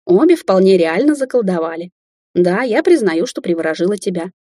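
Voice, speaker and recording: A woman voicing a teasing, vengeful young woman in an audiobook, speaking in a mocking, lively way. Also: mid-range voice, brisk, no room sound, clean studio sound, lightly acted. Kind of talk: audiobook character voice.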